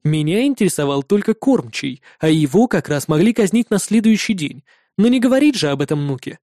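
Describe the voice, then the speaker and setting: A man reading a first-person fantasy adventure in a steady storytelling manner. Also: sits high, brisk, no room sound, clean studio sound. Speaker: audiobook narrator.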